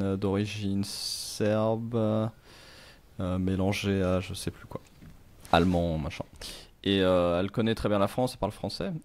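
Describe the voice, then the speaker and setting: A middle-aged man in casual conversation who thinks out loud, rambling with many fillers. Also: lowish voice.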